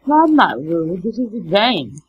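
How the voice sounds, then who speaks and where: A woman's voice: mid-range voice, sing-song, normal speed, dull audio. A middle-aged woman casually chatting as she learns a video game, puzzled and blunt at times. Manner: puzzled, blunt, mildly grumpy. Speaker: mother learning to play. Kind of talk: casual gameplay chat. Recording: faint background noise.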